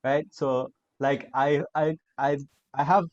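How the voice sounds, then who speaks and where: A man's voice: fairly high pitch, little pitch movement, slow pace, lo-fi sound, noisy background. A young man in a casual student livestream chat, talking loosely with fillers. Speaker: student council member.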